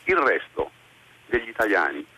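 A man's voice: fairly low pitch, sing-song, normal speed, bright, forceful tone. An older retired man calling in to a radio talk show over the phone, talking indignantly and arguing about politicians. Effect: voice over a phone line into a radio show.

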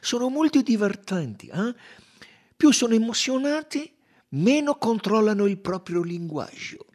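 A sly, fussy older detective, as a male reader puts him on, coaxing and persuasive. The voice sits high and bounces lively through its phrases, with a husky grain. An audiobook reading. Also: measured pace, full character voice. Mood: amused. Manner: soft, persuasive, sly and amused.

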